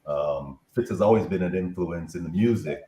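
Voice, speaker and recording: A man's voice: sits low, normal speed, reverberant. A man in casual chat, reminiscing and telling a story about an old friend. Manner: reminiscing, tells a story with warm praise. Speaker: guest.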